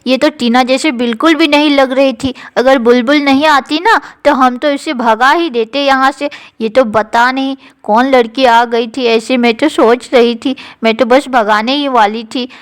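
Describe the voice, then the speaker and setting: A woman's voice: high-pitched, steady tone, a little slow. A woman voicing a playful young girl doll who teases her friend. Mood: teasing.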